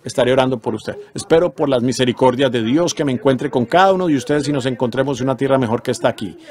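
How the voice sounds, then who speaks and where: A man's voice: medium pitch, fast talker, a little mellow. A man preaching a sermon, retelling dreams earnestly and rising into emphatic exhortations.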